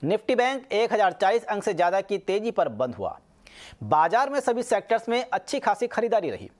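A news anchor reads a scripted market bulletin, measured and formal, every sentence even and clear. The voice sits in a middle pitch.

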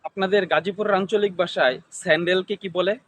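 Interviewer, man, high voice, repetitive formal questions. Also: fairly even intonation, fairly quick, fairly bright tone, slight background noise.

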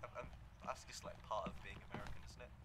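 A young man chatting offhandedly and deadpan while playing an online shooter with a friend. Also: on the low side, racing. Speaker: gaming co-host. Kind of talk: casual gameplay chat.

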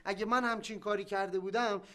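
A man's voice: high-pitched, fairly even intonation, sharp tone. Whiny complaining young man, touchy, TV sitcom. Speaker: sulking younger brother. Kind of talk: TV sitcom acting.

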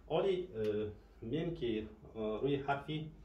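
A man's voice: medium pitch, animated, muffled recording, a little hiss or hum. Man teaching in an echoey room. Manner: patient, asks and answers his own questions. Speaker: French teacher. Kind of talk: classroom lesson explanation. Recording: echoey room, mic at a distance.

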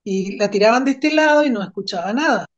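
A woman recounts her personal testimony in a lively, storytelling way, circling back on phrases to drive them home. Her pitch sits in an ordinary middle range. The recording is a little dull and lo-fi. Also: fast talker. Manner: animated storytelling with emphatic repetition. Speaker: guest giving a testimony.

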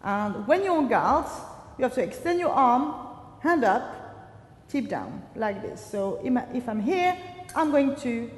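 A woman's voice: fairly high pitch, sing-song, unhurried. A woman speaking as a fencing master, teaching a drill with short commands, corrections and brief praise. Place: large reverberant indoor room. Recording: echoey hall with long reverb.

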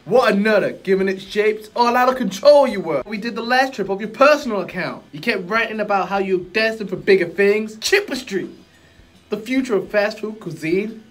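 A man's voice: high-pitched, expressive, moderate pace, fairly bright tone, voice pushed up. A man doing a slangy genie with a put-on American accent. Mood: teasing. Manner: slangy, easygoing, chummy. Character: laid-back streetwise male genie guru. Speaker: voice actor. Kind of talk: recording voice lines for a comedy.

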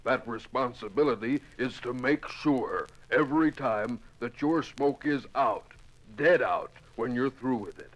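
A male actor voices a friendly ranger bear for a 1950s radio public service spot. The pitch is medium for a man. He speaks in a folksy, deliberate and emphatic way, solemn but neighborly. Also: close to an everyday voice, rough recording. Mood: friendly, earnest. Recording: 1950s radio transcription record.

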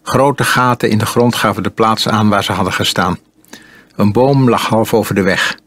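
Male audiobook narrator, calm and measured, lowish husky voice. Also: dry recording. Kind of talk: audiobook reading.

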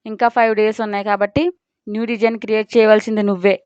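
Lady doing loud melodramatic manager guy, schemy, dull lo-fi audio. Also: mid-range voice, flat delivery, fast, clear, resonant tone, no echo, lightly acted. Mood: blustering. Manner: shouting, melodramatic. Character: scheming blustering middle-aged male manager. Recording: dull lo-fi dry recording.

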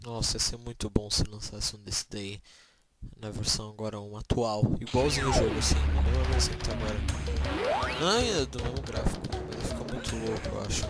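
A man's voice: fairly low pitch, a little fast. A man with a Brazilian accent giving casual gameplay commentary as he plays. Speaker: gamer. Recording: loud game music behind voice. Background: video game music and engine sounds.

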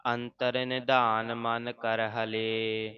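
A man reading scripture aloud line by line in a slow, even, chant-like recitation. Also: mid-range voice. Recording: dull lo-fi audio.

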